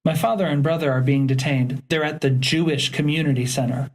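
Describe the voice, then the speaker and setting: A man's voice: fairly high pitch, brisk, close to an everyday voice. A man reading as an outspoken fifteen-year-old girl who answers back bluntly. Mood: defiant. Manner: blunt and defiant.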